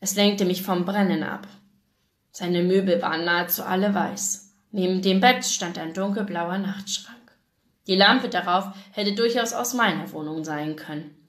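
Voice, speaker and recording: A woman with a German accent and a fairly low, slightly bright voice reads from a romance novel live at a moderate pace. She handles the first-person narration and acts out the dialogue, recorded in an echoey room.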